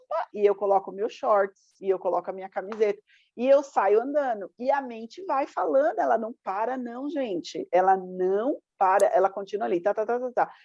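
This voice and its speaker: Brief: woman life coach, warm mellow tone, dry lo-fi recording, lively chat. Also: medium pitch, dry recording. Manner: chatty, acts out her inner voice. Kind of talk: casual motivational talk. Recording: dull dry lo-fi sound.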